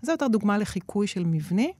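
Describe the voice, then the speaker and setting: A woman's voice: mid-range voice, very animated, warm tone, dry recording. A woman being interviewed as an expert, explaining at length with frequent hesitation fillers. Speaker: guest expert on nature-inspired innovation.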